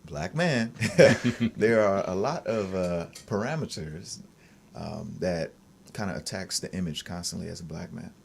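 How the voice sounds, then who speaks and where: A man in his thirties, a fitness coach, speaking calmly and smoothly in an interview. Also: low-pitched, slight background noise. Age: 30s. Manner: calm, smooth, measured. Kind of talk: reflective interview answers.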